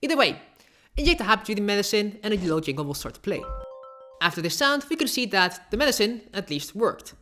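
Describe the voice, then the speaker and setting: A woman's voice: mid-range voice, big pitch swings, fast talker, a bit bright, faint music behind. A woman narrating a casual video essay with sarcastic, offhand asides.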